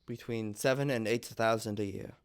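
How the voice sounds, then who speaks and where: Polite young gentleman suitor read by a man, deep clear voice, nervous and deferential, stage comedy read-through. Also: steady tone, moderate pace, lightly acted. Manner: deferential, hesitant, formal. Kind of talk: amateur table reading of a stage comedy.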